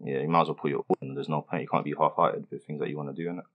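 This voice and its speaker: Brief: young London rapper, very low voice, quick slangy answers. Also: male voice, fairly even intonation, dull audio. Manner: laid-back street slang, many fillers. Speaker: rapper being interviewed. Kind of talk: casual interview answers.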